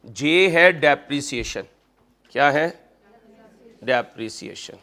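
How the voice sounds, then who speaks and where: A man's voice: mid-range voice, lively intonation, takes it slowly, sharp tone. A man lecturing on accounting, mixing jokey personal stories with worked examples and calling his students "kids". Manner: chatty, joking, addresses students as kids. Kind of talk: classroom lecture with personal anecdotes.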